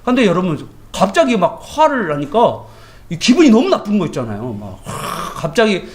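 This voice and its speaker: A man's voice: sits high, brisk. A male pastor giving a morning devotion sermon in a colloquial, anecdotal way, often asking his listeners rhetorical questions. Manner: animated, colloquial, tells everyday anecdotes; asks the congregation rhetorical questions.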